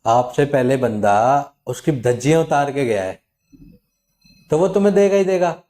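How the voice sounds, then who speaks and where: Mellow-voiced man talking animatedly. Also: mid-range voice. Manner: animated, acts out callers' lines in quick quotes. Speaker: channel host advising viewers on loan recovery calls. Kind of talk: casual talk to camera.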